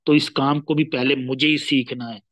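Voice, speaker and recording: A rousing Indian man leading a motivational business training, his pitch sitting in the middle of the male range. He punches key phrases loudly, then trails off softly at the ends of sentences. The sound is dry and close, with no room echo. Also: steady tone, moderate pace, dull audio. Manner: rousing, repeats "my dear friend" and "dosto" often; drops to near-murmur at phrase ends. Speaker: team leader giving a business training.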